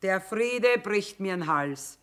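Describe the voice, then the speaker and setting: A woman's voice: mid-range voice, animated, slow pace, a bit bright, clean tone. An actress playing a middle-aged, shrewd, blunt mother who trades in wartime, in earthy speech for a radio drama. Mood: wry, troubled. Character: hard-bitten, shrewd, sharp-tongued mother trading in wartime. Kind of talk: German stage-style radio drama acting.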